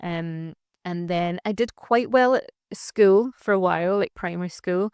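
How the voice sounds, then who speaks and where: A woman's voice: on the low side, measured pace, a little mellow, clean tone, no echo, clean studio sound. A young adult woman, a social enterprise founder talking reflectively in a casual interview, with plenty of fillers and restarts. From Scotland.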